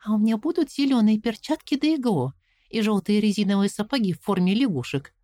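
A woman's voice: medium pitch, a little fast, mellow, dry recording, voice pushed up, lightly acted. A woman narrator voicing Coraline, a clever, stubborn young girl, defiant and questioning. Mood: hopeful.

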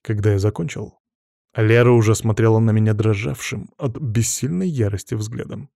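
Man, first-person audiobook narration, measured and wry, dark mellow tone, dry close studio sound. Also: fairly low pitch, creaky, no room sound.

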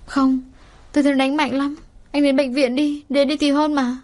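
A woman's voice: sits high, little pitch movement, normal speed, darkish tone, voice pushed up, close to an everyday voice. A woman voicing a worried young woman who pleads and scolds through tears. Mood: pleading. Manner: pleading then scolding, tearful.

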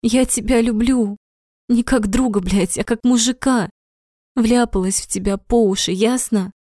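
An outspoken, emotional young woman in an audiobook, voiced by the woman reader, blunt and quick to curse. The voice is warm and low-key in tone, and the recording is close and dry. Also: dry recording. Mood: angry. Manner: outspoken, swears when upset.

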